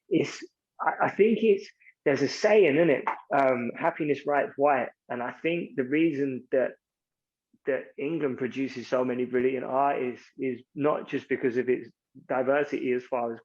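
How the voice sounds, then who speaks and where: A man's voice: mid-range voice, highs cut off. A man mentoring young men, talking frankly and reflectively in a loose, candid chat.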